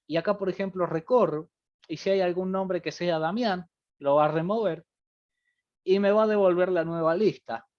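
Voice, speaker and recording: Brief: male programming teacher, slightly high voice, talks through live coding on a muffled computer mic. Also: normal speed. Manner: thinks aloud while typing, many fillers like "fíjense" and "bien". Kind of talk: live-coding class explanation. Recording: dull lo-fi audio.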